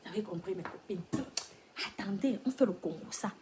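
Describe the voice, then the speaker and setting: A woman talks straight to her followers in a live stream, lecturing them like a teacher. She jumps between loud exclamations and hushed whispers, with a mid-pitched voice and faint noise behind her. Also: fairly quick. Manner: addresses listeners as girlfriends, lecturing tone.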